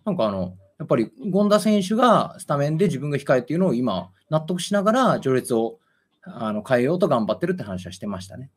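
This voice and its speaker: Fast, animated man with a husky voice. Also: medium pitch. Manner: fast, animated, rambling with many fillers. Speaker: football commentator and amateur coach. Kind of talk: casual talk-show chat.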